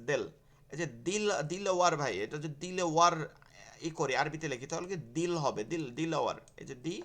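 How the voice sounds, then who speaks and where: Man, online class lecture, repeats terms, answers own questions, slightly high pitch. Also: fairly bright tone. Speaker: Quran teacher.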